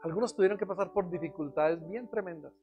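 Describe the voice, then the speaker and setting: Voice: medium pitch, fast, mellow, faint music behind. Earnest pastor preaching. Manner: earnest, questioning the congregation, acting out quoted prayers. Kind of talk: sermon.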